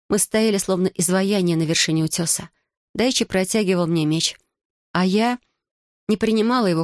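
A woman reads a first-person audiobook at a steady, measured pace. Her voice sits on the low side for a woman. It is recorded close and dry, with no room sound. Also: no echo. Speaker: audiobook narrator.

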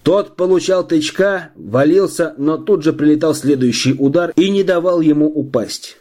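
Reading scripted audiobook narration, this man sounds on the high side and tells the story in an even, measured way.

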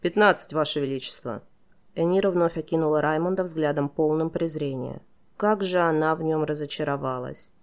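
A woman reading a fantasy audiobook in a steady, expressive narration. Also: low-pitched, a little fast.

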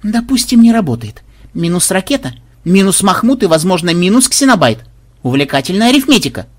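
A man voicing a sharp, sarcastic young woman speaking over the radio in an audiobook. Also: high voice, very animated, brisk, voice pushed up. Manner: dry sarcastic remarks. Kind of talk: audiobook voice acting.

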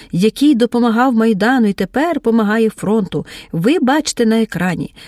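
A brisk television reporter, read by a woman narrator in her own voice, with a neat, newsy cadence. The recording is dry and close, as in an audiobook. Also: on the high side, darkish tone, no echo.

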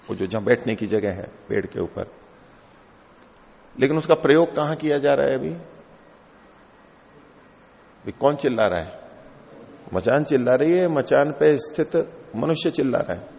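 In a lo-fi hall recording with long reverb, a middle-aged philosophy teacher works through a classical text, patiently explaining each term and going over it again. His mid-range voice is creaky and darkish.

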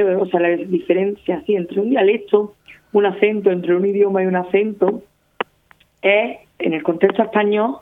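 A woman with an Andalusian accent arguing her point in casual radio talk, laying it out through repeated examples. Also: medium pitch. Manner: argumentative, explains with repeated examples. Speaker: guest running a language-teaching project. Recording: narrow phone-like sound.

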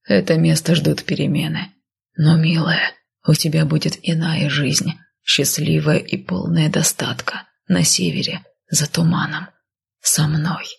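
A woman voicing a stern but tender northern man, in whispered role-play with a low, husky whisper. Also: level tone, measured pace, exaggerated voice. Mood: soothing. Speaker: male character voiced by narrator.

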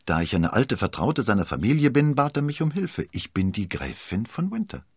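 A man's voice: mid-range voice, sing-song, moderate pace, husky, no room sound, studio quality, pitched above the performer's own voice. A man voicing a scheming young noblewoman villain in a storybook reading, speaking with false sweetness. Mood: sweetly deceptive.

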